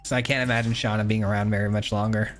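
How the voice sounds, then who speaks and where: A man's voice: fairly low pitch, little pitch movement, rapid-fire, soft background music. A man casually commenting on his own card game as he plays, chatty and self-critical, with frequent ums and uhs. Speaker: gameplay streamer.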